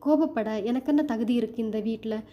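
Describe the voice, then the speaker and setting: A woman's voice: a little high, normal speed, highs cut off, close to an everyday voice. A woman playing a sullen, bitter young daughter.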